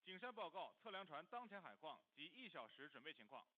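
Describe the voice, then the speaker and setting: A man's voice: on the high side, big pitch swings, a little fast, pushed and bright. A man reporting as a station officer to mission control by radio, in a formal, clipped official delivery.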